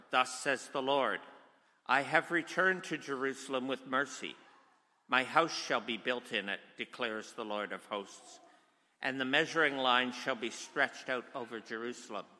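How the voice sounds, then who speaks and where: A man reads scripture aloud at a slow, deliberate pace. His tone is bright and forceful. Cathedral echo trails behind every phrase. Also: mid-range voice. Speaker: scripture reader. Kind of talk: liturgical scripture reading. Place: large church. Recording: long church hall reverb.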